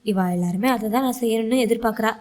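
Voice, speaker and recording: A woman reading a novel aloud as first-person narration, with a calm, reflective inner-monologue delivery. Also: a little high, fast. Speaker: storyteller.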